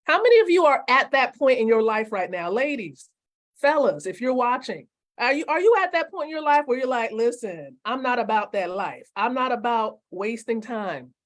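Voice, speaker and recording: A woman in her forties gives a motivational lesson on a live stream. Her voice sits a little high, and she stresses key phrases by repeating them slowly. She keeps asking her viewers questions. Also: very animated. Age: 40s. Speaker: network marketing coach.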